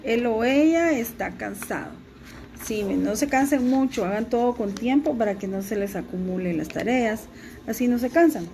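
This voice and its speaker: A woman teacher giving a recorded class lesson, speaking slowly and deliberately and spelling out pronunciation for her students. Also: fairly high pitch, background noise. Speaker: language teacher.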